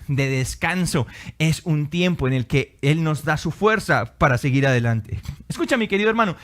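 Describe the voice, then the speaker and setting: High-voiced emphatic male preacher. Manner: emphatic, with repeated rhetorical questions. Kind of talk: sermon. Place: his office.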